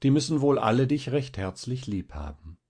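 A man voicing a sweet, well-behaved little boy who speaks in a gentle, admiring way. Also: medium pitch, very animated, normal speed, slightly rough, voice pushed up.

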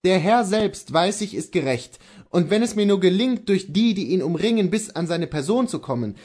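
A man voicing an earnest horse dealer in a classic story, speaking to his wife in a measured, gently persuasive way. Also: high-pitched, lively intonation, voice pushed up. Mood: earnest resolve. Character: earnest horse dealer husband, steadfast and tender.

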